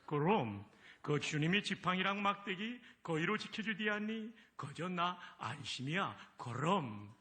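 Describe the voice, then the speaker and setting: Man doing Pyongan dialect, high voice, bright, slow folksy emphasis. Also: lively intonation, heavily acted. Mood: homey. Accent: Pyongan dialect, put on.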